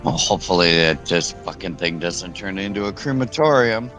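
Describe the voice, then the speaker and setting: A man's voice: low-pitched, animated, moderate pace, a bit bright, faint music behind. A man playing his character in a tabletop game, making dry, sardonic remarks with some swearing. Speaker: player.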